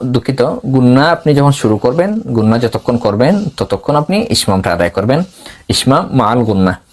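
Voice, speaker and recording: A man teaching recitation, explaining patiently step by step, repeating himself and pausing on hesitant fillers. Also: mid-range voice, a little mellow.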